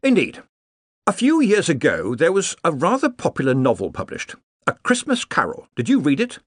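A man voicing a grave, careful Victorian male naturalist who speaks in a slow, solemn, wooden way. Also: on the high side, huge pitch swings, no room sound, clean studio sound, pitched above the performer's own voice.

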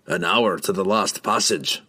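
A man voicing a gruff, stern dwarf in an audiobook, grumbling and sarcastic, with old-fashioned dialect speech. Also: sits low, a little slow, pushed and bright, heavily acted. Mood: curt. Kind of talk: audiobook character voice.

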